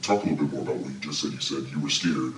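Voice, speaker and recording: A man interviewing a witness, asking calm, coaxing questions. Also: a bass voice, racing. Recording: distant, roomy, loud background noise.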